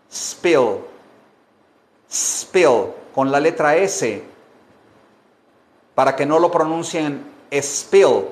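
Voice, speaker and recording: Slow, patient male English teacher. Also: fairly high pitch. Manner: repeats phrases slowly, explains in Spanish. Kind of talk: bilingual language lesson. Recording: echoey room.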